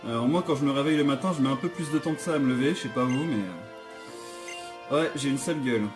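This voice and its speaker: A man's voice: mid-range voice, fast, music in the background. A man giving let's play commentary, nervous and jokey, often restarting his sentences. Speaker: gaming channel host.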